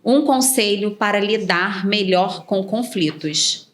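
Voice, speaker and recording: A woman's voice: medium pitch, slow pace. A woman hosting a podcast, making short backchannel remarks and asking friendly questions. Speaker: podcast host. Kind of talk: casual podcast interview.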